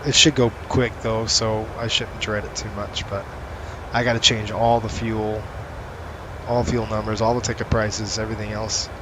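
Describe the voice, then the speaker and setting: Clear cockpit noise, like a vehicle, runs under this recording of a man chatting casually while flying a simulator. He's a virtual airline pilot and streamer reading viewer comments aloud. His voice is lowish, at normal speed, with little pitch movement.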